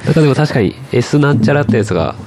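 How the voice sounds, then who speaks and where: A man's voice: mid-range voice, expressive, very fast, a little mellow. A man with a chatting casually and chiming in with short reactions and questions. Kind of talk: casual chat. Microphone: studio microphone. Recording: background noise on the mic.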